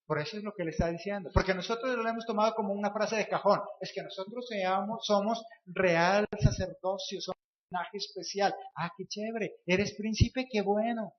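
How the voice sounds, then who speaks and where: A man's voice: high voice, brisk, slight background noise. A man preaching a sermon, firing rhetorical questions at the congregation and repeating phrases for emphasis. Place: church. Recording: echoey, dull lo-fi church recording.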